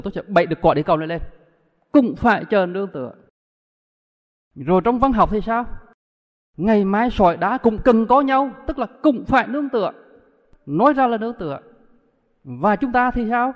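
A man giving a Buddhist dharma talk, telling stories and asking the audience rhetorical questions. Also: high-pitched. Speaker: Buddhist monk teacher. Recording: muffled audio with long hall reverb.

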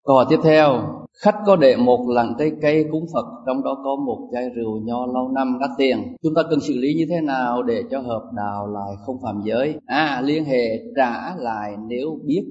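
Male monk teacher, mellow timbre, emphatic delivery, dull lo-fi sound. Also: medium pitch, moderate pace. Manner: animated and emphatic, swinging between loud and soft. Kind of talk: Dharma class with quiz questions. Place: lecture hall with an audience. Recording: distant, muffled lo-fi recording.

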